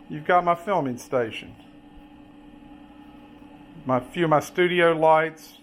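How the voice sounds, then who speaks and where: A man giving a casual, unscripted show-and-tell tour as a hobbyist, pointing things out item by item in a halting way. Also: a little high, fairly bright tone, slight background noise.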